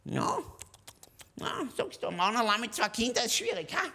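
A man's voice: very high-pitched, huge pitch swings, normal speed, gravelly, bright, forceful tone, pitched above the performer's own voice, full character voice. A man with an Austrian accent voicing a nagging, gossiping old woman who scolds and complains. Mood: prying. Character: nagging old Viennese-style gossip granny, female.

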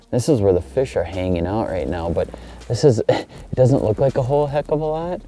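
Relaxed dark-voiced man fishing outdoors. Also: on the low side. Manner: relaxed, upbeat, excited exclamations when fish bite. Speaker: fishing video host. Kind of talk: casual on-the-water fishing tutorial. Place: outdoors on a kayak on a small lake.

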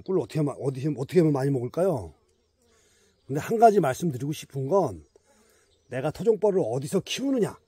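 A man's voice: on the high side, warm tone, slightly rough, no room sound. A middle-aged man vlogging outdoors in a mountain forest, chatting emphatically to his bees and to his viewers. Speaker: beekeeper vlogger. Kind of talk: casual outdoor vlog.

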